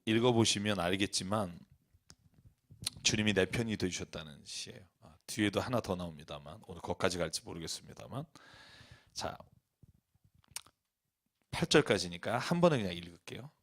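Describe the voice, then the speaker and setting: A man preaching a sermon as a pastor in a church, blunt and colloquial, rising to loud emphatic peaks and dropping to soft low asides. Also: expressive, moderate pace, pauses often.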